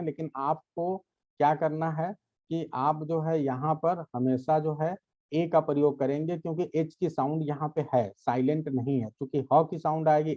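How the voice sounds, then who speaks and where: A man's voice: on the high side, warm tone, dull audio. A man teaching English grammar to his students, explaining patiently, checking understanding often and addressing them directly. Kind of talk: explanatory lecture to a class.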